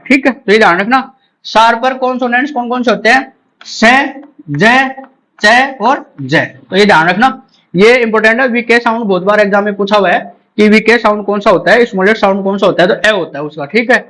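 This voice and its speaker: A man teaching an exam-prep phonetics lesson, repeating key points and drilling sounds slowly aloud. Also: sits high, a bit bright, poor audio. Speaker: English teacher.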